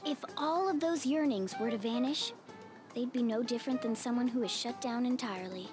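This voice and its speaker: A bossy little male cat creature played by a woman in a video game, with a high, bright voice that scolds and lectures like a know-it-all. Game music plays clearly behind it. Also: fairly quick, lightly acted. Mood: explaining.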